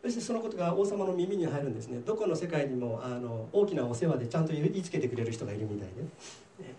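A man delivers a sermon as a pastor, telling a parable in a lively storytelling manner. His voice sits high and swings widely in pitch, with a mellow tone. The sound is roomy and echoing, picked up from some distance away. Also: quick pace, slight background noise. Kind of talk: sermon with English interpretation.

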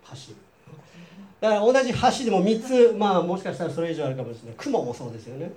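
A man's voice: high-pitched, very fast, mellow. A man from Japan with a Japanese accent, preaching a sermon and restating each point himself in a second language, chatty and asking his audience questions. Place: church hall in Seattle.

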